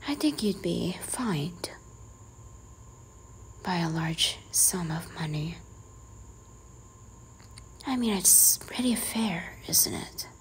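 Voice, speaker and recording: A woman in a whispered role-play, playing a strict, teasing librarian who quietly scolds a careless visitor. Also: lowish voice, creaky, a little hiss or hum, heavily acted, poor audio.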